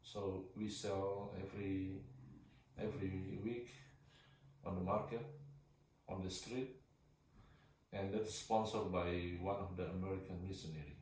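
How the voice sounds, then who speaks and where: A man from Indonesia in his thirties, answering interview questions softly in short, halting phrases. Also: low voice, steady tone. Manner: soft-spoken, hesitant, short halting phrases. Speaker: guest. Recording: echoey room, voice far from mic, faint background noise.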